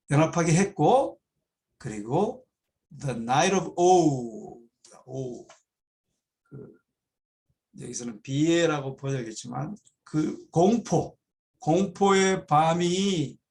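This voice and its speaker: Slow, gravelly male Bible teacher. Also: a little high. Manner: reads English phrases slowly, then explains them in Korean; repeats key words for emphasis. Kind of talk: explaining an English text line by line.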